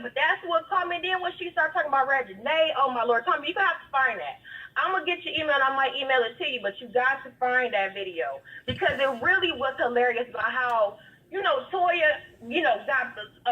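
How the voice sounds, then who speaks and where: A talkative woman calling in to a talk show over the phone, chatting casually in informal, slangy speech. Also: high voice. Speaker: caller to an online talk show. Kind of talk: casual chat. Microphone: phone call. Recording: muffled, distant phone-call sound.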